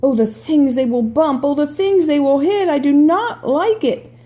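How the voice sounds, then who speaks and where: Woman doing a high-pitched fretful little storybook fish. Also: animated, normal speed, dark tone. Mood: fretful, disapproving. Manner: urgent, insistent, alarmed. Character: fretful, scolding little pet fish, anxious worrier. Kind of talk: storybook read aloud.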